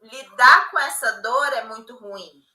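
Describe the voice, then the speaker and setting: Bright high-voiced woman in an echoey room. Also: animated, unhurried. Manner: reflective, filler-heavy with frequent "né?". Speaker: daughter, co-host. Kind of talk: casual conversation.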